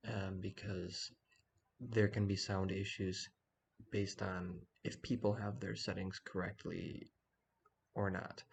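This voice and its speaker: Guy keeping his voice down like everyone's asleep, lowish and croaky, casually walking thru a how-to. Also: a little hiss or hum. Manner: talking quietly early in the morning so as not to wake anyone. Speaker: online community organizer giving a tutorial. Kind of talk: casual screen-share walkthrough.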